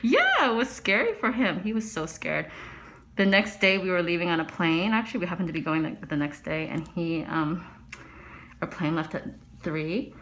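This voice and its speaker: A woman's voice: lowish voice, big pitch swings, normal speed, a bit bright. A middle-aged woman dermatologist chatting and telling stories while she works on a patient in a medical office, often dropping to a murmur. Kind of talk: chatting while performing a procedure.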